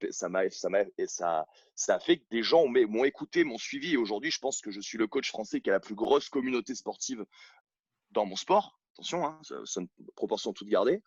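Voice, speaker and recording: A man's voice: mid-range voice, slightly rough, no echo. Blunt male coach from France, emphatic and outspoken, dry and slightly dull home recording. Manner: blunt, emphatic, many restarts and fillers. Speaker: CrossFit coach and gym owner. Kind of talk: outspoken interview talk. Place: at home on his sofa. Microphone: own camera.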